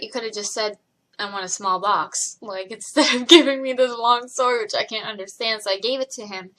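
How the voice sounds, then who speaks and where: A woman's voice: medium pitch, sharp tone. A young woman telling stories about difficult customers at work in a casual vlog, acting out the voices of both sides. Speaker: vlogger.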